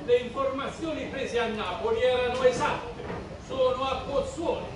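A man's voice: extremely high pitch, normal speed. An older man acting a flustered man who pretends to be a porter in an amateur stage comedy, heard from a far camera in a large theater hall. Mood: hesitant. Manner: hesitant, stammering. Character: flustered middle-aged man posing as a porter. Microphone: far camera in the audience. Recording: echoey hall from far off, noisy.

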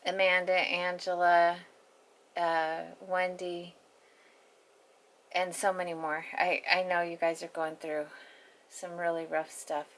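A woman's voice: fairly low pitch, level tone, takes it slowly, pauses often, a bit bright. A woman vlogger chatting casually in a folksy, self-deprecating way in a home kitchen, speaking from behind a handheld camera. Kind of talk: casual chat.

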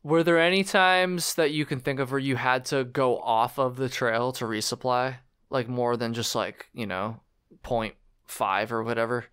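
A young man hosting a podcast, chatting casually in a relaxed, slangy way. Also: mid-range voice, normal speed, smooth. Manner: relaxed, slangy, laughs easily. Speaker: podcast host. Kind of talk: casual interview chat.

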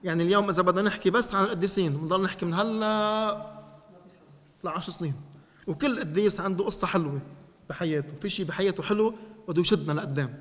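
Fast, animated Lebanese preacher man. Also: high voice, long reverb tail. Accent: Lebanese Arabic. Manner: animated, addresses listeners directly. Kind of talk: teaching sermon to a congregation.

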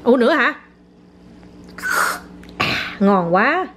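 Woman, high voice, teasing home vlog, phone recording with clattering dishes behind. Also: sing-song, very slow, a bit bright, slight background noise. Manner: playful, teasing, full of exclamations. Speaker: mother filming her child.

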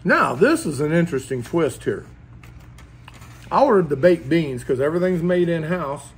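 A man with a drawl talks his way through a barbecue plate in a casual vlog, folksy and full of chatter. His voice sits a little high for a man. Soft restaurant noise hums behind him. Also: expressive, normal speed. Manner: folksy, chatty, laughs between bites. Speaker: food vlogger reviewing a barbecue restaurant. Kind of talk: casual food review vlog. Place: restaurant dining room. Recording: faint background noise in a restaurant.

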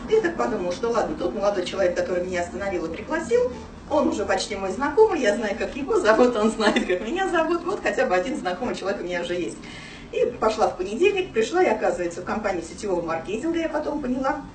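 At a business meeting, a woman in her thirties rattles off her personal story to a small audience in a mid-range, sing-song voice with a darkish tone, chatty and full of fillers. She is recorded from across a small office by a camera with no mic. The sound is roomy and distant, with slight background noise.

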